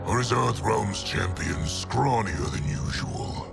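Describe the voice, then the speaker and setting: A man's voice: on the low side, takes it slowly, gravelly, exaggerated voice. An actor playing a boastful, menacing male war general in a video game cutscene, taunting and commanding. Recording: loud music underneath.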